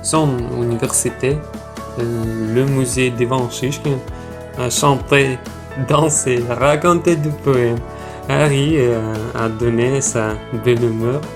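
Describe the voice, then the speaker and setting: Slow-speaking Russian-accented man over music. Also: medium pitch, steady tone. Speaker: travel vlogger. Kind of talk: scripted vlog narration in French.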